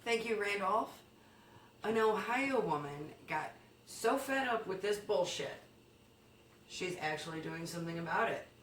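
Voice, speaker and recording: A woman's voice: mid-range voice, animated, a little slow, fairly bright tone, echoey room, distant mic, slight background noise. A woman co-hosting a comedy news segment, telling an absurd story playfully with ums and swearing.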